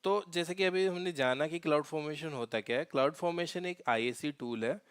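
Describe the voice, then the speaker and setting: A man's voice: fairly high pitch, clear, resonant tone, dry recording, clean studio sound. A man teaching a cloud DevOps tutorial over a screen share, explaining step by step with frequent fillers and restarts. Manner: halting, many fillers and restarts.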